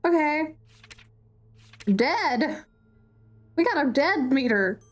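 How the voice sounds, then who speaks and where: A woman's voice: sits high, lively intonation, drawn-out words, faint music behind. A woman streamer chatting casually while playing a game, swearing freely, reacting aloud and reading the game's text to her viewers. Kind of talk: casual gameplay commentary.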